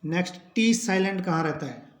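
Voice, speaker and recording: A man teaching English pronunciation in a slow spelling lesson, spelling out each word letter by letter and then repeating how it is said. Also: high-pitched, expressive, reverberant.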